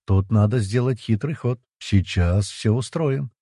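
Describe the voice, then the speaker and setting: A scheming, ancient dark god speaks low and husky from a storybook, voiced by a male narrator. The sound is dry and close, with a dark, mellow tone. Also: unhurried, dry recording. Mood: pondering.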